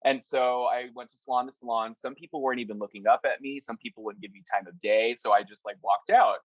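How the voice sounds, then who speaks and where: A man's voice: mid-range voice, fast, dry recording, lo-fi sound. A young man, a hair stylist, telling a story casually in an interview, rambling with lots of fillers like "like" and "you know". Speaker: hair stylist, salon owner.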